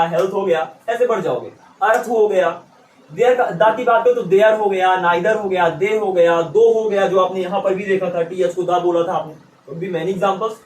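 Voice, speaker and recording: A male teacher walks through pronunciation rules, his high voice bright and animated as he repeats example words for the class to echo back. He is recorded from some distance, with the sound bouncing around an echoey room and a faint hum of ambience underneath. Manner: lively teacherly, repeats words for students to echo, chuckles to himself. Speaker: English teacher. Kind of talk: explaining pronunciation rules in a lesson.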